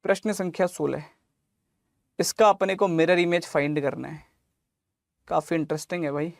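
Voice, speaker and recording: A man's voice: fairly high pitch, moderate pace, gravelly, no room sound, studio quality. A man teaching exam reasoning online, working through calculations step by step and fondly calling students lalla and mere lal, mixing English terms into his talk. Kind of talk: online exam coaching lesson.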